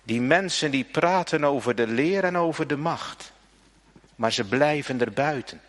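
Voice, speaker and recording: A man's voice: on the high side, animated, unhurried, a bit bright. A middle-aged man preaching a sermon, earnest and emphatic, speaking directly to his congregation with repeated phrases and tag questions. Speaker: pastor.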